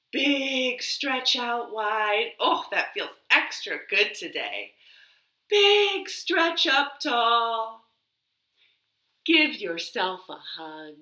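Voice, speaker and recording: A woman's fairly high, pushed, bright voice leads a children's storytime as she reads aloud and speaks simply and expressively to young kids. She's a library storytime host working from her home living room, which lends the audio a roomy echo.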